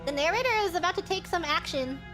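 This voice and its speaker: A woman's voice: extremely high pitch, fast talker, over music. A woman streamer chatting playfully and reacting as she plays a game. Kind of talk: casual game playthrough chat.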